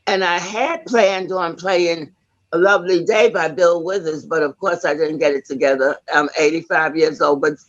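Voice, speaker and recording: A woman in her eighties giving an earnest acceptance speech over a video call, halting often with fillers and restarts. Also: lowish voice, highs cut off. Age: 80s. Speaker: award honoree.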